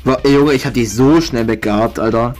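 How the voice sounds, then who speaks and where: Mid-match, a foul-mouthed gamer trades sarcastic complaints with a friend as he comments on the game. His medium-pitched voice has a darkish tone and a fairly quick pace, with faint music behind it.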